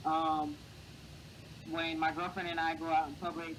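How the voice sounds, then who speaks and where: In a low-quality recording with clear background noise, a man with a high, boyish, light voice earnestly shares encouraging advice as a casual interview guest. His tone is fairly bright, though his delivery stays flat at a moderate pace.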